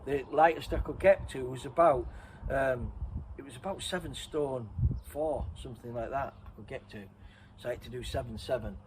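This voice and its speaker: A middle-aged man talks at an ordinary pitch, spinning a long personal story in a loose, rambling way. He keeps restarting and correcting himself as he goes. A faint ambient hiss sits underneath. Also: normal speed. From Redcar, North East England. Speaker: interviewee and co-host. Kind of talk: casual storytelling chat.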